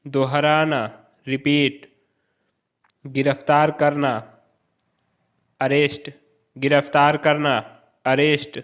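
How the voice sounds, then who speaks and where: A man hosting an English channel, reading Hindi words with their English match and repeating each pair. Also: a little high. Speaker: channel host, English tutor. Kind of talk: vocabulary drill.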